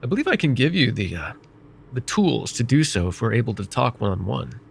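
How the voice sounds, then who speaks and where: In an ASMR roleplay, a male voice actor portrays a wry, vain mage of middle age who advises a student. The delivery is measured, calm and lightly teasing, meant to reassure. His voice sits mid-range with vocal fry, over slight background noise.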